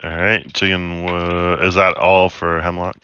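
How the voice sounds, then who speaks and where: A man serves as game master, narrating the action and making calm rulings in an unhurried, matter-of-fact way. His voice is very low and smooth with a bright edge. The sound is dry and a little muffled. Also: dry recording.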